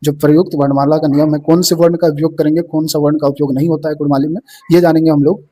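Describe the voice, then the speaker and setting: A man's voice: on the high side, little pitch movement, fast talker, warm tone. A young man from teaching an exam-prep lesson, explaining each term and saying "ठीक है" again and again.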